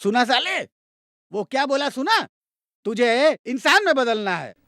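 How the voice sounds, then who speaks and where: An actor dubbing a rough man who angrily scolds a corrupt politician in a film. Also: extremely high pitch, very animated, measured pace, very noisy, full character voice. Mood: angry scolding. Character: rough working-class man, fiercely loyal to the hero. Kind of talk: dubbed film dialogue.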